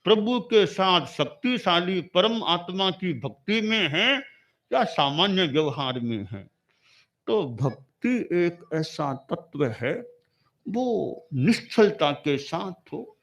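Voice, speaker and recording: Slow, lively preaching man. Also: high voice. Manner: storytelling, didactic, repeating key words. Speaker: religious preacher. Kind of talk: sermon with a parable.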